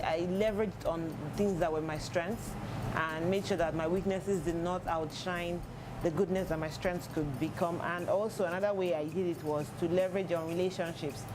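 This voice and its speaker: Nigerian man, noisy street behind. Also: high-pitched. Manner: thoughtful, measured, with frequent pauses. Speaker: fashion designer. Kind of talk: interview answers. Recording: noisy outdoor urban recording. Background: street and vehicle noise.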